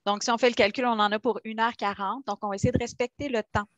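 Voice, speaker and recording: A fairly high-voiced woman with a Québécois French accent moderates a live online webinar. She talks with chatty enthusiasm and plenty of hesitations. Her voice comes through dry and close, with little room sound, over a video call. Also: fairly even intonation, fast, dry recording, lo-fi sound. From Quebec, Canada. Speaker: webinar host.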